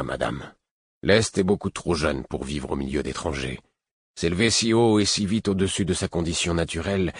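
A man reading the part of a stern, proud older man with a hoarse, guttural voice, speaking gravely and with restraint. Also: rumbling low, no echo, clean studio sound.

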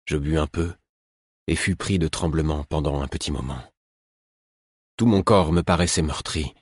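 An audiobook narrator reads a storybook aloud in a steady, measured way, delivering scripted narration. His voice is very low and husky, captured close and dry with no room sound at all.

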